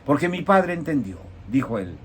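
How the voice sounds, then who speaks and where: A man giving an emotional personal testimony as an evangelical preacher, swinging between hushed tones and emphatic bursts. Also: fairly high pitch, very animated, moderate pace, a little hiss or hum.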